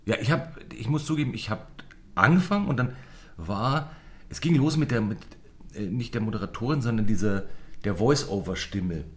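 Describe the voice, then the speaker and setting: A man in casual chat who pauses often and restarts his sentences. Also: fairly low pitch, lively intonation. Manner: hesitant, many fillers and restarts.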